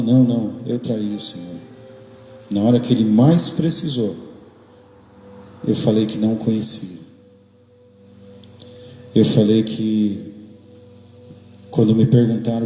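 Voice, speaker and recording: A man with a Brazilian Portuguese accent preaching a casual, animated devotional sermon to his congregation, often asking "amém?". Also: mid-range voice. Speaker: pastor. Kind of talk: devotional sermon with acted quotes. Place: church hall. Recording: echoey hall with long reverb.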